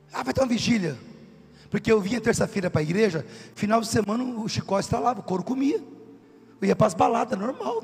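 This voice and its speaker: Man preaching his testimony, really high gravelly voice, kinda husky, shouts sometimes, big echoey hall w faint music. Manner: emphatic, shouting at times, asks the congregation questions. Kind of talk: sermon testimony.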